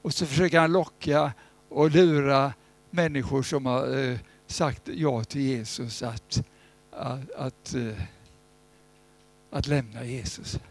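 A man preaching an informal sermon, telling stories in a conversational way and breaking into loud, pleading cries. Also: medium pitch, fairly even intonation.

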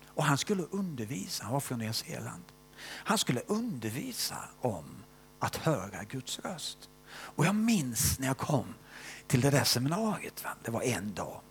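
An older man preaches and tells his own testimony in a voice with a gravelly, creaky texture. His pitch rises and falls widely, swinging from loud emphasis down to hushed, whispered asides. He keeps tagging short questions onto his sentences, as if checking in with the listeners. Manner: often ends phrases with a questioning "va?". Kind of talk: sermon with personal testimony.

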